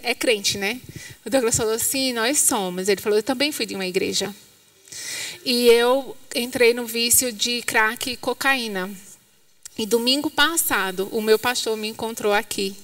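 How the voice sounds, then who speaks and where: A woman's voice: fairly high pitch, no echo. A woman with a Brazilian Portuguese accent preaching at a church conference, telling a story and acting out the people in it. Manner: acts out quoted voices in a lively storytelling way. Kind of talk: sermon with storytelling. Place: church hall. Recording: dry sound, from somewhat far from the mic.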